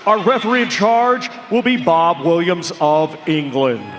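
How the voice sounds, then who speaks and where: A man making formal boxing ring introductions like a lucha libre announcer, booming out names and stretching them for the arena. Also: expressive, measured pace. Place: large indoor boxing arena. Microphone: ring announcer's microphone over PA. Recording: echoey arena PA, loud crowd noise.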